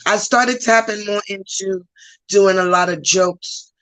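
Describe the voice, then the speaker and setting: A Trinidadian woman comedian, her thick accent carrying a New York edge, talks bluntly and emphatically as a guest in a casual podcast chat, repeating her points. Her medium-pitched, fairly bright voice stays steady and a little slow. The recording is dry and low in quality.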